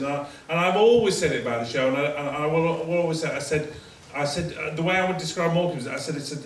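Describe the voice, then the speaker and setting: A man on a Q&A panel answering audience questions in a rambling way, with many restarts and chuckles at himself. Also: mid-range voice. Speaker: cast member on a panel. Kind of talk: casual Q&A answers. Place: cinema auditorium with audience. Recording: echoey hall from far off, crowd noise.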